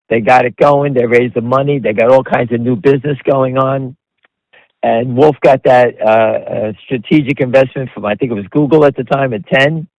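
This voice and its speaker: A muffled recording, free of room sound, captures a man with a mid-range voice hosting a spontaneous stock commentary call. Conversational yet blunt and emphatic, he repeats himself while talking directly to his listeners.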